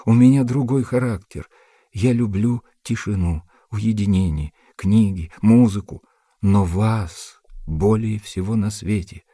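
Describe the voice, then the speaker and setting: A man's voice: fairly low pitch, lively intonation, normal speed, mellow, husky, no echo, clean studio sound. A man voicing a jilted young woman in a storybook reading, threatening revenge and pleading desperately. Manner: threatening, then tearful and pleading.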